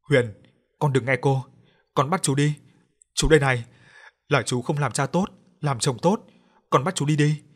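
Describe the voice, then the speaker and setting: A man voicing an anguished middle-aged father who shouts and offers himself in his son's place. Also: mid-range voice, normal speed, long pauses, breathy edge, lightly acted. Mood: desperate. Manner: shouting, self-reproaching.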